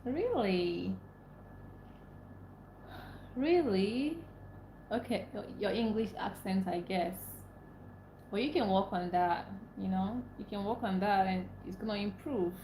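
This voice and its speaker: A young woman from Nigeria, a native Igbo speaker, hosts a casual livestream in a warm, mid-range voice, taking it slowly and pausing often. She chats with viewers and reads their comments, repeating herself and laughing frequently, in an echoey room with faint ambience and a slight hiss or hum.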